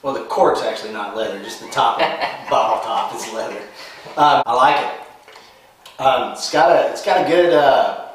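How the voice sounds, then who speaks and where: A man's voice: medium pitch, unhurried, crowd noise. A man hosting a bourbon tasting, wry and joking as he talks. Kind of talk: casual chat. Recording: roomy sound from far off.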